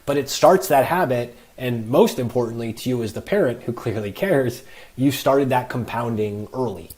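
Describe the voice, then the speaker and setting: A man's voice: medium pitch, normal speed, a little mellow. A man talking as a financial advisor guest on a podcast, explaining with emphatic worked examples. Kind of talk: podcast conversation.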